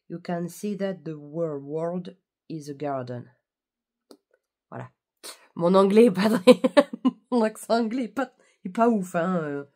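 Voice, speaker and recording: A woman's voice: low-pitched, gravelly, a little mellow. A young French woman book vlogger chatting casually, with many fillers and restarts. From France. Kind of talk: casual chat.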